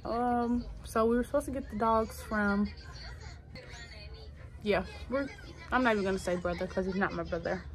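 A woman's voice: medium pitch, moderate pace, pauses often, soft background music. Chatty young woman vlogging at home. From Tennessee. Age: 20s. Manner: chatty, rambling storytelling with slang. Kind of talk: casual chat.

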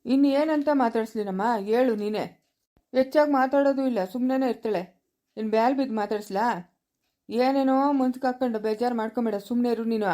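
A woman acting out a kindly old village grandfather with a rural Chikkaballapura Kannada accent. The voice is fairly high but dark and mellow, calm and reassuring, always trying to make peace. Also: quick pace, natural voice. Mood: soothing. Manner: soothing, reassuring. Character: gentle elderly village grandfather, patient peacemaker. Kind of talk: amateur family skit acting.

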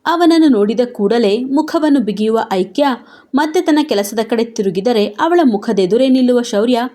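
A woman's voice: fairly high pitch, animated, normal speed, warm tone. A woman storyteller reading aloud her own romance serial and welcoming listeners to her channel.

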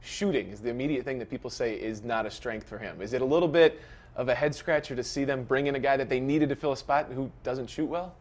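A young man hosting a TV sports show in a studio, brisk and upbeat as he leads the segment. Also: medium pitch. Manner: brisk, upbeat presenter delivery. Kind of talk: TV sports host chat.

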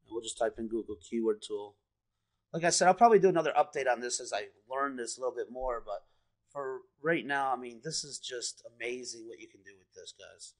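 A man walks viewers through his screen in a loose, salesy demo. His voice sits at a middling pitch, and he talks in rambling bursts full of fillers and "guys". He sounds keen about everything he points at. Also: brisk. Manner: rambling, filler-heavy, keeps saying "you know" and "guys"; enthusiastic, salesy. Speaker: online marketer walking through a screen demo. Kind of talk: casual screen-share walkthrough.

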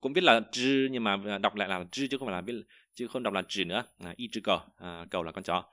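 Man, language teacher, bright forceful voice, dry close sound, patient repetition. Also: on the low side, no room sound. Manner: explains word by word, repeats example sentences slowly; frequent hesitations. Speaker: Chinese teacher. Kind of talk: vocabulary lesson.

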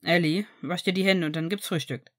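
A woman doing a low-voiced, soft-spoken male healer. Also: brisk, close to an everyday voice. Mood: gentle. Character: calm dry-witted male healer, adult.

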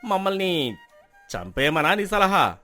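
An actor playing an arrogant village landlord who mocks others with dismissive questions. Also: male voice, high voice, sing-song, takes it slowly, pushed and bright, soft background music, exaggerated voice. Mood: scornful. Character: arrogant middle-aged landlord, scornful and haughty. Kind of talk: storybook drama acting.

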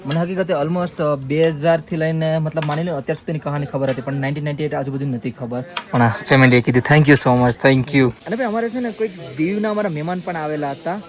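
Chatty vlogger man with a slightly high voice. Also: fast, few pauses. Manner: chatty and friendly, greeting people while walking. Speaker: vlogger host. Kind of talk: casual vlog chat. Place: outdoors at a pilgrimage site.

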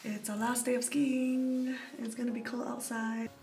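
Loud music sits over the voice of this young adult travel vlogger, who talks casually to camera about her trip. She speaks at a moderate pace in a slightly high, level tone.

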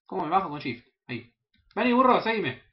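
A young Rioplatense man chatters through a video game, swearing freely and jumping from low mutters to excited yelps. His voice sits a touch high. The home recording sounds dull and lo-fi. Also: a little fast. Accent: Rioplatense Spanish. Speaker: gaming channel host. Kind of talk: casual let's play commentary.

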